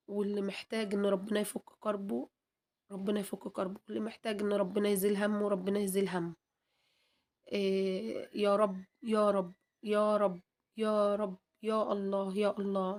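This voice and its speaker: A woman with an Egyptian accent, hoarse from a cold, chatting to viewers in a home kitchen cooking vlog and adding long prayers. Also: mid-range voice, a little mellow. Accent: Egyptian Arabic.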